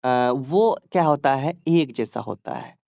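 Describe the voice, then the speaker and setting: A man's voice: mid-range voice, animated, slow, gravelly, darkish tone, dry recording, lo-fi sound. Man tutoring with patient check-ins. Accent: Hindi. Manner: explains step by step, drawing out English words and checking in often. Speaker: exam tutor. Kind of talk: exam-prep lesson.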